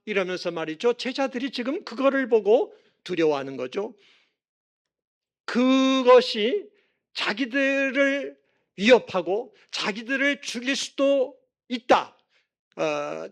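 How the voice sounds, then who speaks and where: A man preaching a sermon as a pastor, earnest, his voice rising for emphasis. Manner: earnest preaching, rises in pitch and volume for emphasis; acts out quoted lines with raised voice.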